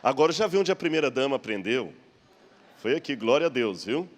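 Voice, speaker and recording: A man with a Brazilian accent preaches in a large church hall, his voice echoing with long reverb. Medium in pitch, sing-song and a little fast, he explains things conversationally and asks rhetorical questions with a slight stammer.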